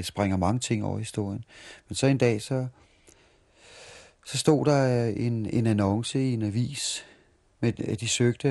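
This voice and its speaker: A man's voice: mid-range voice, warm tone. A Danish man in his forties telling stories in an interview as a street performer, often restarting and repeating words as he remembers. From Denmark. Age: 40s. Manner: halting, repeats and restarts words while reminiscing. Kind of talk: storytelling interview.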